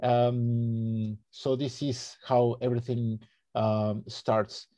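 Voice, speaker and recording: A man's voice: medium pitch, flat delivery, takes it slowly, warm tone, no room sound. Argentine man, friendly and hesitant. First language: Spanish. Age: 30s. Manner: friendly, hesitant, with non-native grammar. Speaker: guest, naturalist guide. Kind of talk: interview answers.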